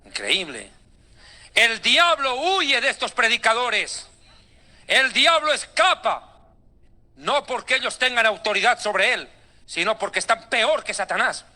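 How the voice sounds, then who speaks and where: A man's voice: very high-pitched, big pitch swings, measured pace, pushed and bright. A male preacher delivering a sermon in an emphatic, sarcastic and dramatic way.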